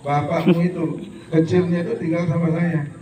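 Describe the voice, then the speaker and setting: Speaking at a moderate pace in a level, slightly high voice, a middle-aged man gives a jokey religious lecture at a school event. He imitates regional dialects when quoting and preaches to the students, encouraging them to keep growing. A crowd can be heard, and the echoey hall leaves his voice sounding distant.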